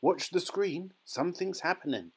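A man's voice: high-pitched, lively intonation, moderate pace, husky, voice pushed up, exaggerated voice. Man as Willy Wonka, breezy eccentric chocolate maker. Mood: excited. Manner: exclamatory, airy, matter-of-fact about disaster.

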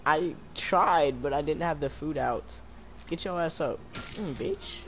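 A man's voice: on the high side, unhurried, fairly bright tone, slight background noise. A young man bantering profanely and laughing often while playing a game with a friend. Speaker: gaming vlogger. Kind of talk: casual gaming banter.

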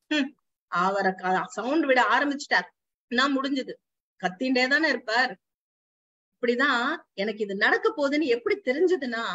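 A woman's voice: sits high, a bit bright, dry recording. A woman voicing a male household dog who narrates the story anxiously, with frequent fretful cries in household speech. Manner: fretful exclamations, Brahmin Tamil household speech. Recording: slightly dull lo-fi recording.

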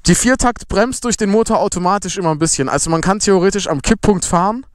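On a closed road, a young man rides his motorcycle and casually explains how-to tips for his motovlog, recorded on a ride-along helmet or body camera. He talks quickly in a high, clean voice; the studio-quality audio has no room sound, just a faint motorcycle engine in the background.

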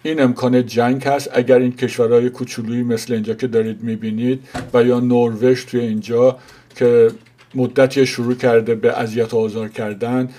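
Man, 60s, Iranian Persian accent. Mellow, even-toned news commentator, informal and halting, pausing to find words. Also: mid-range voice.

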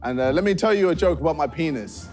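A cocky British man in his twenties delivers crude one-liners with a lively, swooping voice. Music plays faintly behind him in a studio. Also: on the high side, fast. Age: 20s. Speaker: contestant on a dating game. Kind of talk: crude joking in a group game show.

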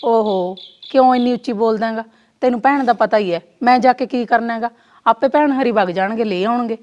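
A woman playing a young daughter-in-law who speaks softly and calmly, with a Punjabi village accent. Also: fairly high pitch, a little fast, highs cut off, natural voice. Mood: placating. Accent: Punjabi village speech. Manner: soft, placating, hushing others.

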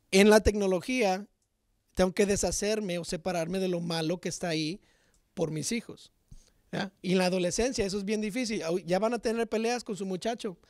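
Guy pastor preaching, kinda high voice, keeps asking the crowd "right?", very dry sound. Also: fairly quick, no echo. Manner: animated, direct, asks the congregation rhetorical questions. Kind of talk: sermon.

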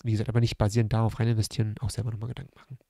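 A man's voice: lowish voice, level tone, very fast, gravelly, mellow, no echo. Man with a pressed, strangled voice, dry sound. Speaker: livestream host. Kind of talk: casual livestream chat, reading and answering comments. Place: room at home by a large window. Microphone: close desk microphone on a stand.

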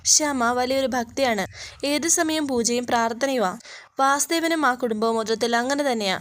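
A woman's voice: a little high, normal speed. A woman casually retelling a TV serial episode, quoting each character's lines in her own plain voice.

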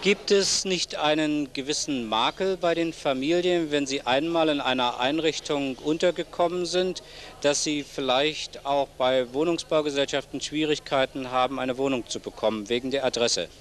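Sitting among plants in a senior citizens' centre, a middle-aged man hosts a local TV interview, addressing his guest politely and formally through a handheld microphone. His voice is a little high and his pace moderate. The sound is the noisy audio of an old TV video.

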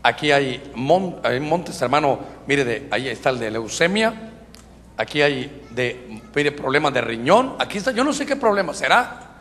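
Brief: Honduran male preacher, bright and forceful tone, echoing church hall. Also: mid-range voice, very animated, moderate pace. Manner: emphatic, constantly addresses the congregation as brother. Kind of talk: sermon.

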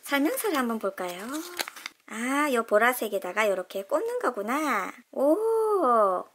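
A woman's voice: a little high, sing-song, measured pace, a bit bright, a little hiss or hum. A woman narrating a toy unboxing for children, gushing with delighted exclamations and explaining each step in a sing-song, kid-friendly way. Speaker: toy unboxing channel host.

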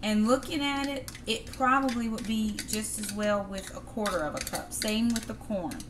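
A middle-aged woman talks her viewers through a home-cooked meal, calling them "y'all" in an easy, chatty way. Her voice sits at an ordinary pitch. She is picked up by a camera on the kitchen counter, with clear clatter of pans, dishes and cutlery behind her. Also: moderate pace, background noise. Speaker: cooking vlogger. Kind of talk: casual cook-with-me narration.

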